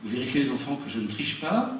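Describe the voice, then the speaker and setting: Male children's party magician, animated and presentational with young audience, distant noisy live-room sound. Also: medium pitch, fast talker. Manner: presentational, addressing children, exclaiming. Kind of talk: live kids party magician show patter. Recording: roomy, distant, noisy live show recording.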